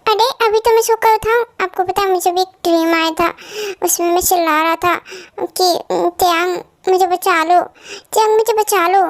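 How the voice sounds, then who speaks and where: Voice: very high voice, fairly even intonation, moderate pace. A performer voicing a clingy, childlike young man who scares easily and pleads in a whiny way, in a fan-dubbed drama. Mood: pleading. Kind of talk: fan dub drama acting.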